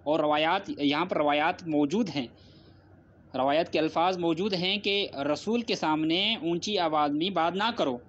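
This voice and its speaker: A man's voice: fairly high pitch, a bit bright, lo-fi sound, slight background noise. Emphatic man arguing a religious debate. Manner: repetitive, emphatic, cites scripture and hadith. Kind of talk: formal religious debate reply.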